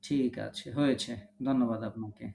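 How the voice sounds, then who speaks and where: A man's voice: mid-range voice, steady tone, normal speed, creaky, dark tone, echoey room, a little hiss or hum. A man teaching a recitation class online, patiently correcting students and modeling short vowel sounds for them to repeat. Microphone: online video call.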